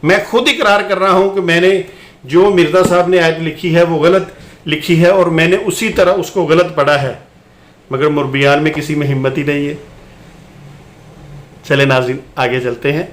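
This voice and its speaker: An insistent man speaks straight to his viewers as he picks apart a debate clip. His voice sits a bit high. The room around him is noticeably echoey. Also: steady tone. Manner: insistent, addresses viewers directly. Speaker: host commenting on a debate clip. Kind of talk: argumentative video commentary.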